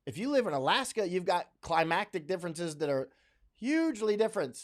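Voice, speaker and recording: A man's voice: sits high, sing-song, brisk. A man from Florida hosting a casual livestream, reading viewer comments aloud and answering them in a rambling way full of fillers and restarts. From Central Florida, USA. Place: home in Thailand.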